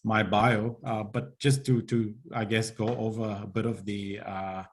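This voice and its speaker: A man's voice: fairly low pitch, level tone, unhurried. A man presenting on a video call webinar, speaking hesitantly with many filler sounds. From South Africa. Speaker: webinar presenter, investment advisor. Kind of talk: online business webinar talk. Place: home or office in London, remote.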